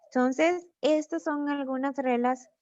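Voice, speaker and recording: A woman's voice: high voice, fairly even intonation, measured pace, a little mellow, dry recording. A woman teaching an online English grammar lesson, patiently explaining rules step by step. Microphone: computer mic on a video lesson. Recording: dull, dry lo-fi recording.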